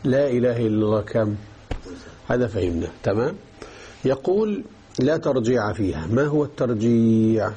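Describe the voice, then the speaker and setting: Teaching Islamic jurisprudence, a man explains a text patiently and step by step, pausing often to ask if his listeners are keeping up. His medium-pitched voice is husky, warm and mellow, expressive, and delivered at a moderate pace.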